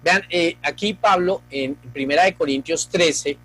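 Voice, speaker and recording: A man's voice: fairly high pitch, a little slow, fairly bright tone, rough recording. A male pastor preaching a sermon, earnest and speaking straight to the congregation.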